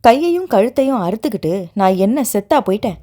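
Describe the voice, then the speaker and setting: A woman's voice: on the high side, very animated, brisk, dark tone. A woman reading a novel aloud, voicing a playful, teasing young wife who hides her hurt behind jokes. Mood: coaxing. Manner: playful and teasing, turning tender.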